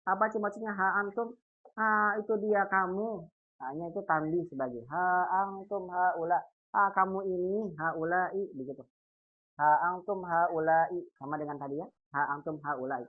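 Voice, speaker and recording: A man's voice: sits high, fairly even intonation. A man teaching an online Arabic grammar class, patiently repeating example phrases and quizzing his students. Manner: patient, repeats example phrases slowly and asks quiz questions. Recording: dull lo-fi online call audio.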